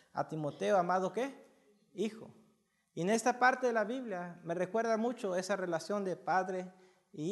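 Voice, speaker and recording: Guy preaching a fired-up sermon, high voice, keeps asking the crowd stuff. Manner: impassioned, repeats words, rising loudness, asks the audience questions. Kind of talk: sermon to a congregation.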